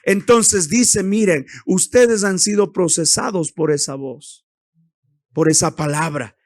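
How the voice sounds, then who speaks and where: A man's voice: sits high, slow pace. A male pastor preaching a sermon, swelling into emphatic passages and calling out to his congregation. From Ecuador.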